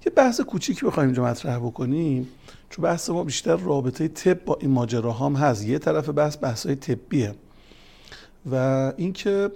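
His voice sits a little high, warm and slightly rough, with vocal fry and big swings in pitch. A family counselor and religious speaker, he tells counseling stories and quotes scripture in a religious talk, becoming more emphatic as it unfolds.

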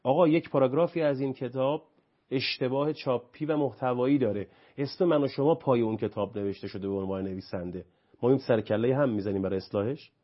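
A man's voice: medium pitch, dull audio. A man who teaches anger management, explaining his ideas in a talk-show conversation. He keeps asking and answering his own rhetorical questions and grows emphatic as he lists examples.

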